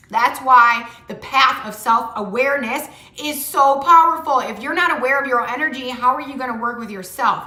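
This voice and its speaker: A woman's voice: on the high side, bright, forceful tone. A young adult woman giving a tarot reading in a blunt, pushy way, swearing freely and ending points with "okay?". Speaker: tarot reader and motivational vlogger. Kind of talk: casual tarot reading talk. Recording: echoey room.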